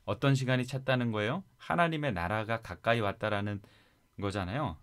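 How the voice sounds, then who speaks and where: A man with a Korean accent teaching English Bible verses in a lively classroom style, coaxing listeners to repeat after him. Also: fairly low pitch, a little fast, clear, resonant tone.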